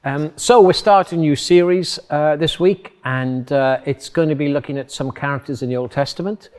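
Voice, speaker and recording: A man's voice: a little high, normal speed, darkish tone. A man from England, hosting an online church service in a jokey, chatty way. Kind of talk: casual chat.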